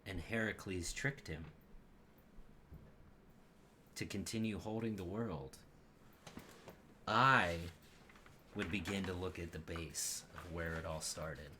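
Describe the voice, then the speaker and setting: A man voicing a mysterious, chain-smoking woman in a tabletop game, speaking low and measured. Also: sharp tone, slight background noise. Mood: grave. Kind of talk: tabletop role-play voicing.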